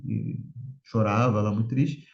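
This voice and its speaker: A man's voice: fairly low pitch, fairly even intonation, measured pace, creaky. A man teaching an informal church Bible class, conversational and often checking in with his listeners. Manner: conversational, tags sentences with questions. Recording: roomy, slightly dull sound.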